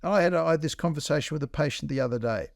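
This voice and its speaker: A man who co-hosts a health podcast as its doctor chats casually, bluntly explaining numbers in plain language. He talks rapid-fire in a gravelly voice on the high side, with no echo in the studio-quality recording.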